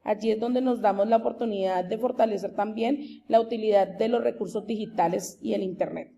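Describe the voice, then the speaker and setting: A woman, a master's degree candidate, presents her thesis project in a formal, steady, explanatory manner. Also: medium pitch, a little fast, creaky. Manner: steady, explanatory, with occasional restarts.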